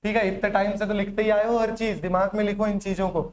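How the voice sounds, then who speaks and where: A man's voice: sits high, flat delivery, fast, slight background noise. Man teaching a class, quizzing students. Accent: Chhattisgarh Hindi. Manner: drills students with repeated questions and mnemonics. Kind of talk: classroom lecture with call-and-response drills.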